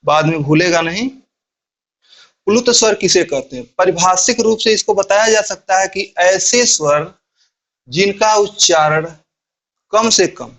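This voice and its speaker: A man teaching a grammar class, explaining step by step in a slow, deliberate way and asking questions that he answers himself. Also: high-pitched, a bit bright. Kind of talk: Hindi grammar lesson.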